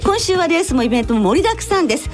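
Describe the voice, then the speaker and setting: A woman hosts a radio program with polite, formal announcements. Her voice is notably high and swings widely in pitch, over a light music backing. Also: sing-song, racing. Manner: courteous, formal sign-offs and interjections. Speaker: radio show host.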